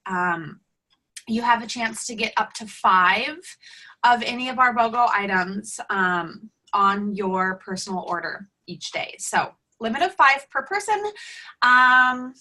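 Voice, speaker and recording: A woman hosting a live webinar, presenting casually with many ums and pauses. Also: on the high side, lively intonation, bright, forceful tone, rough recording. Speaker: webinar host.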